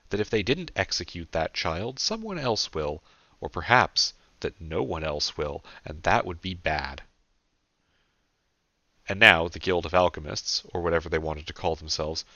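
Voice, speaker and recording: A man narrating his own novel as an audiobook, in a steady, earnest storytelling manner, recorded close on a home mic with slightly dull lo-fi sound. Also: low-pitched, no room sound.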